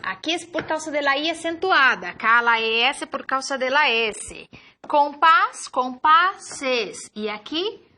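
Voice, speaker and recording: A woman teaching a recorded class, saying each word slowly and carefully and often checking in with her students. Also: high-pitched, animated, bright, forceful tone, a little hiss or hum. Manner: slow, careful model pronunciations of words; checks in with tag questions to students. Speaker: language teacher.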